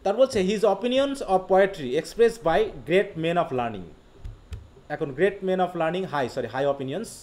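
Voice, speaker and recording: A man with a Bangladeshi accent teaching a live online literature class. He explains quickly, reads English passages slowly and keeps asking his students questions. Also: high-pitched, lively intonation, a little mellow. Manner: quick Bengali explanation, slow read-aloud English quotes, frequent questions to students.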